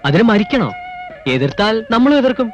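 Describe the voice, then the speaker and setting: A man's voice: high-pitched, very animated, fairly quick, dull audio, faint music behind. An actor playing a young man who teases his sweetheart in a playful way.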